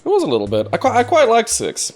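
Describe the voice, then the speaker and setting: A man's voice: very high voice, wildly swooping pitch, fast talker, soft background music. A man co-commenting on a video game in casual chat, laid-back, joking crudely and laughing often. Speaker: let's play co-commentator.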